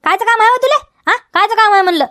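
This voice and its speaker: With an extremely high, bright, forceful voice delivered very fast, a woman plays a scolding village farmer man in a comedy sketch, using a Vidarbha Marathi accent. The studio-quality audio has no room sound. The farmer guards his field insistently, nagging, repeating demands, and tagging "हा?" onto each line.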